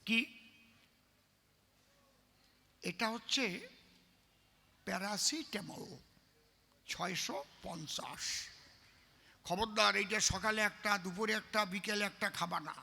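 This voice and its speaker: A man voicing a village doctor who gives slow, measured instructions about medicines. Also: high-pitched, vocal fry, bright, forceful tone, exaggerated voice. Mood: instructive. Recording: long reverb.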